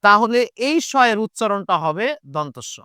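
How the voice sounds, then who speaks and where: A man's voice: high voice, normal speed, pushed and bright, clean tone, dry recording, studio quality. A Bengali teacher with a Chapainawabganj accent gives an online lesson. He repeats key points and asks and answers his own questions. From Chapainawabganj, Bangladesh.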